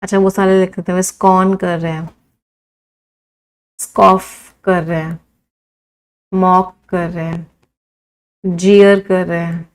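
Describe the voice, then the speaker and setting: A woman teaching an English vocabulary class. She lists words one by one, drawing each out slowly for students to write down, counts them aloud and answers students' suggestions. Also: lowish voice, little pitch movement, smooth, low-quality recording. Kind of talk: live exam-prep vocabulary lesson.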